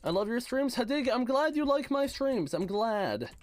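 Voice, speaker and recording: A man chats on a livestream with a bouncy, animated voice that rises and falls a lot. He teases his viewers in playful gamer slang. His voice sounds worn and a little hoarse. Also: extremely high pitch, moderate pace. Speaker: game streamer. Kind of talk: casual livestream chat, reading chat aloud.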